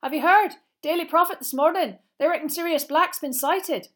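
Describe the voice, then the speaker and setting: Woman as Seamus, an eager high-voiced schoolboy. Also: moderate pace, a bit bright. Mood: excited. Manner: eager, emphatic, high-pitched chatter. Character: excited, gossipy schoolboy spreading news.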